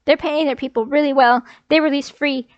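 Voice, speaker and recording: A woman's voice: high-pitched, fairly even intonation, a little fast, no echo, dull audio. A young adult woman vlogger ranting casually, repeating her points for emphasis. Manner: emphatic, repeats phrases for effect. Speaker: anime commentary vlogger. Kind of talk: casual rant.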